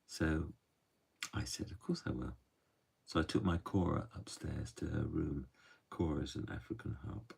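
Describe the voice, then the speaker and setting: A man telling a true story softly and gently, often dropping to a hush. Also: a bass voice, far from the mic. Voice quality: gravelly and husky. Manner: soft, unhurried, often drops to a hush.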